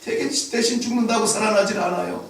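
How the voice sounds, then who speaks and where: A male pastor giving a Sunday sermon, emphatic and rising to shouts at key points. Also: sits high, a little fast, vocal fry, distant mic. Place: church sanctuary. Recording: very echoey church hall, voice from afar.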